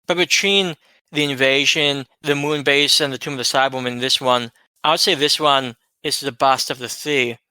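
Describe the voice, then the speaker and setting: Measured male co-host with a bright, smooth, resonant voice. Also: medium pitch, fairly even intonation, no echo. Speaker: podcast co-host. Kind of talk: casual chat.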